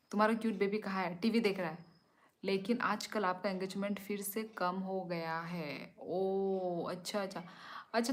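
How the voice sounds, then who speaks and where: A young adult woman with a medium-pitched voice hosts a live stream, chatting casually and teasingly with viewers as she reads their comments and laughs often.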